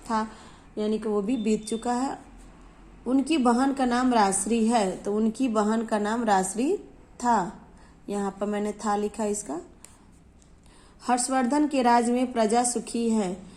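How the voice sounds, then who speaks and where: A woman school teacher, giving a patient Hindi grammar lesson to children. She repeats words slowly and mixes in English terms. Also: fairly high pitch, darkish tone.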